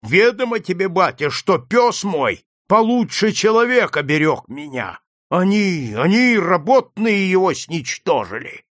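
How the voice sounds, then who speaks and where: A man voicing a domineering, wrathful factory owner who shouts threats in a storybook reading. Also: fairly high pitch, animated, measured pace, no echo, studio quality. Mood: furious.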